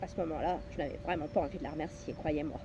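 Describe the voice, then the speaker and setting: Earnest woman telling her story over noise. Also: deep voice. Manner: measured and earnest, with occasional hesitations. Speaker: personal development coach. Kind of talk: scripted personal story narration. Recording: steady background noise with passing traffic.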